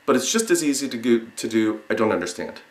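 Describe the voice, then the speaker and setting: A man giving an instructional lesson, explaining step by step in a halting way and repeating single words with pauses. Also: mid-range voice, animated. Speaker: sign language teacher. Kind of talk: instructional lesson, demonstrating word by word. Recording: roomy, echoing sound.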